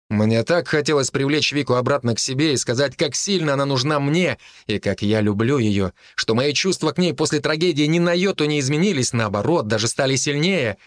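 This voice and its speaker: A man's voice: medium pitch, no echo. Man narrating an audiobook, dry close sound. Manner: steady, earnest storytelling. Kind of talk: scripted first-person narration.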